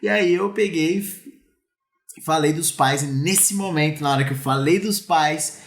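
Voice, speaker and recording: A man's voice: a little high, moderate pace, roomy sound. A man with a Brazilian Portuguese accent, a youth sports coach, telling stories in a casual podcast chat and acting out the dialogue. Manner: animated, acts out dialogue in his stories.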